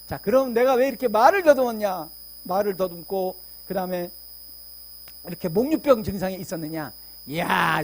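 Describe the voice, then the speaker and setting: A middle-aged man giving a testimony in church, telling his story with animated shifts between loud proclaiming and quiet, confiding talk. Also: high voice, slight background noise. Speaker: guest speaker giving a testimony. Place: church sanctuary.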